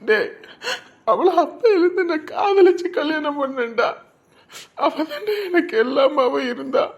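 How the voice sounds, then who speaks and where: A woman's voice: mid-range voice, moderate pace, a little mellow, close to an everyday voice. A woman voicing a worn-out young husband who is desperately searching for his missing wife, pleading and tearful. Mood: grieving. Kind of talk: audio drama acting.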